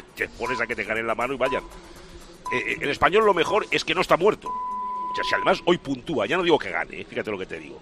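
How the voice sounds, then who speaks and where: Animated guy on football radio, talks fast, voice jumps around a lot. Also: lowish voice. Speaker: football commentator. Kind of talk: radio sports talk.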